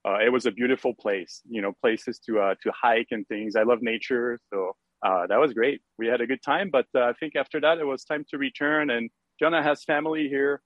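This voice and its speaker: A man's voice: medium pitch, fairly even intonation, a little fast, few pauses, no echo, dull audio. A middle-aged man from France with a French accent, chatting casually as a podcast guest with many fillers and easy laughter. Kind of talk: casual interview chat.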